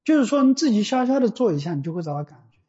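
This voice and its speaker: A Buddhist teacher giving a slow, deliberate dharma talk, often pausing to ask the listeners whether they follow. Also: mid-range voice, big pitch swings, mellow. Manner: slow and deliberate, often asking "you know?". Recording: dull lo-fi recording.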